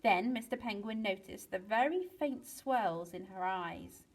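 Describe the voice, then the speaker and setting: A woman teacher reads a children's chapter book aloud at a middle pitch. Her storytelling is lively, and she swings her voice up for the exciting moments. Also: a little slow, rough recording. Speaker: teacher reading to pupils.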